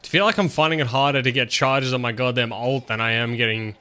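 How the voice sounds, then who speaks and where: Bright-voiced man casually streaming a game. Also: medium pitch, fast, smooth. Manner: offhand, profane, thinking aloud. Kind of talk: casual live gameplay commentary.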